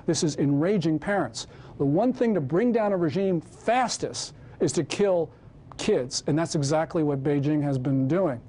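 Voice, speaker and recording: A man's voice: a little high, moderate pace, mellow. A man giving a public lecture on foreign policy and answering audience questions, speaking with growing passion and emphasis. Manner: impassioned, emphatic.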